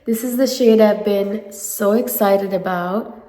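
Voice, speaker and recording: A woman's voice: medium pitch, fairly even intonation, a little slow, dark tone, roomy sound, big-room sound. A woman with a nasal head cold reviewing makeup in a casual, gushing way, talking to her viewers. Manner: gushing, enthusiastic. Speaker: beauty vlogger.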